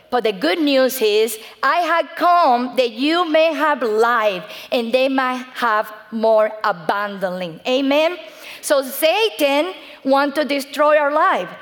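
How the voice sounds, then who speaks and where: A middle-aged woman with a Cuban Spanish accent gives an earnest church testimony in a voice pitched a bit high. She reads scripture aloud and calls out to the congregation, and her voice rings with a long reverb from a large hall. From Cuba. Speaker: speaker giving her testimony.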